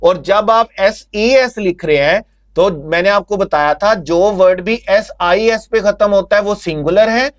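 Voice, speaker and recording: A male teacher with a Pakistani Urdu accent going through exam answers, who asks his own questions and answers them and calls the students "bete". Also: high-pitched. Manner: calls students "bete", reads English options slowly. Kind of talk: exam answer discussion lesson.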